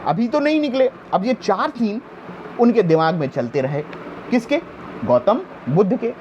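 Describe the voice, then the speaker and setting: A man with a high voice gives an exam-prep history lecture. He quizzes the class and answers his own questions, and he keeps reminding them to pay attention. The recording is dull and lo-fi, with faint noise underneath. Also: big pitch swings, normal speed, a little mellow. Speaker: teacher.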